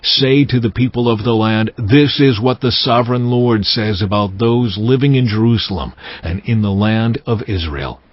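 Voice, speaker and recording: An actor playing a solemn, commanding God who pronounces judgment gravely and deliberately in a dramatized audio Bible. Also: male voice, fairly low pitch, no room sound, close to an everyday voice. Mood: stern, foreboding. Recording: muffled sound with music behind. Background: cinematic music.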